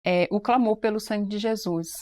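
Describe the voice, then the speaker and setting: A woman presenting on a church program, explaining sign language in a relaxed, quick, animated way. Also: mid-range voice. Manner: self-described fast-paced, animated explainer. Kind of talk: casual panel chat.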